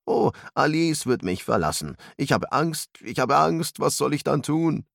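A man's voice: on the low side, animated, a little slow, dry recording, studio quality. A man voicing an earnest, awkward young man, read as part of a storybook narration. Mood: playful. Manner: earnest, unsure.

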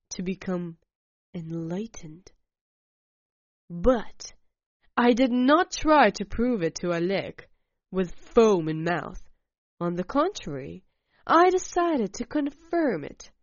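Very slow-paced woman narrator. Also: a little high, no room sound, lo-fi sound. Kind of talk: first-person story narration.

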